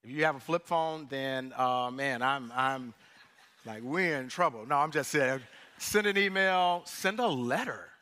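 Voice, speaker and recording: A man's voice: medium pitch, measured pace, sharp tone. A man preaching a sermon as pastor, conversational at times and building into impassioned preaching. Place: church sanctuary.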